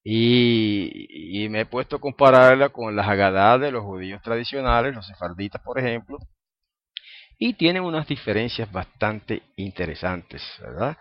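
A man's voice: lowish voice, expressive, normal speed, no echo, dull audio. A man giving a religious talk as a Hebrew teacher, rambling and repeating words as he searches for them. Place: home library.

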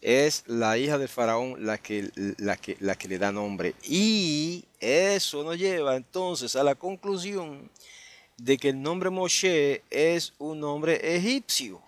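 A man's voice: a little high, takes it slowly. A man teaching a Bible passage in a conversational way, often checking in with the listeners and restarting phrases. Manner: conversational, full of tag questions and restarts. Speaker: preacher.

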